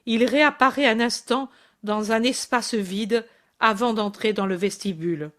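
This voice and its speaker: A woman narrating a devotional audiobook in a deliberate reading manner. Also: fairly high pitch.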